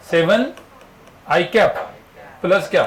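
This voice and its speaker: A man's voice: sits high, lively intonation, slow pace. A male physics teacher giving a classroom lecture, firing constant questions at his students. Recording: echoey classroom with faint ambience.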